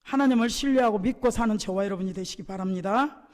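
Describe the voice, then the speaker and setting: A male pastor giving an emphatic sermon, jumping between loud exclamations and low, quiet asides. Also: quick pace, big-room sound. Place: church sanctuary.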